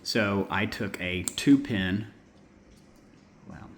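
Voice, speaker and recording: A man's voice: lowish voice, very slow, slight background noise. A man casually walking through his homemade gear setup, rambling and often correcting himself. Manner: rambling, self-correcting, informal. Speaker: hobbyist maker explaining his gear. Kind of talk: casual how-to walkthrough. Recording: roomy sound with faint ambience.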